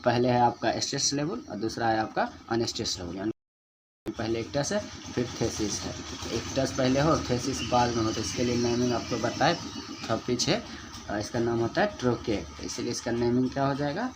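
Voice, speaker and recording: A man teaching a lesson on poetic meter, going step by step, asking and answering his own questions and slowly repeating example words to show their stress. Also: medium pitch, background noise.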